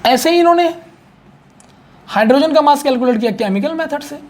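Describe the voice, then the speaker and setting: A man's voice: very high-pitched, lively intonation, brisk, a little mellow. A man teaching a chemistry lesson in a conversational, repetitive way, often checking in with his students. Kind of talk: explanatory online chemistry lesson.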